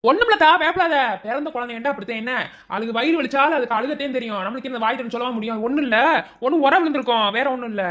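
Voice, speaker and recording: A woman playing an older relative who calms the young mother and chides the husband in a family skit. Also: sits high, rapid-fire. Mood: reassuring. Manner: reassuring and matter-of-fact, chides the husband. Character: calm older female relative, reassuring and scolding. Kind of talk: amateur village drama acting.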